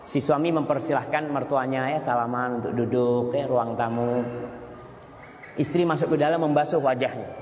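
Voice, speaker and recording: Guy preaching a sermon, fairly high voice, big echoey hall, story-telling with sudden high jumps. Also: darkish tone. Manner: storytelling, voice leaps higher for emphasis. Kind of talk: marriage advice sermon. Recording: echoey hall with long reverb, faint noise.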